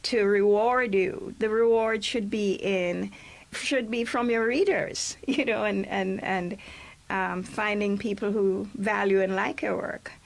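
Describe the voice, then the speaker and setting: A woman's voice: medium pitch, steady tone, takes it slowly, vocal fry. Older Jamaican woman reminiscing. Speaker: guest poet. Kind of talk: radio interview. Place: small radio studio, indoors. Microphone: studio microphone on a boom arm.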